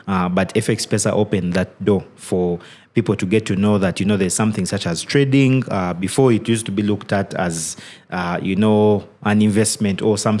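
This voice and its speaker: A man speaking as a guest trading educator on a podcast, thoughtful and halting, with many "you know"s. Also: lowish voice, a little mellow. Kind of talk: casual podcast interview.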